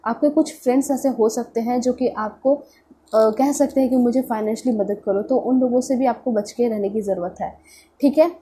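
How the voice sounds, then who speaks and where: A woman with an Indian accent reads tarot informally, sounding congested and nasal because of a cold. Her pitch is on the high side yet fairly even, her speed normal, and her tone dark, with a bit of hiss or hum behind it. She sprinkles in English words and repeats phrases to check in.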